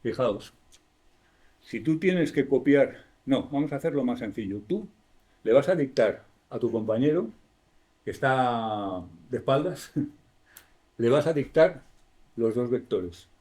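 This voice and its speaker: A man's voice: mid-range voice, animated, a little slow, long pauses, darkish tone. A man with a Spanish accent giving a university lecture in a classroom, explaining step by step, asking the class questions and correcting himself as he goes.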